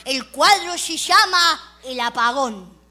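High bright Argentine comedian woman. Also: expressive, slow, soft background music. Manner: chatty, storytelling. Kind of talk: comic monologue as a little girl.

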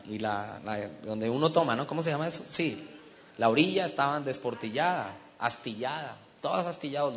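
A man from Colombia, preaching a sermon as humorous storytelling and asking the congregation questions. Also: mid-range voice. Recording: dull sound with long hall reverb.

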